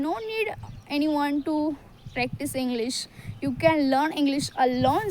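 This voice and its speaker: A woman with an Indian accent from Maharashtra, talking to camera in halting learner English with many hesitations and restarts. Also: high voice, a bit bright, slight background noise. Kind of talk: casual talk to camera.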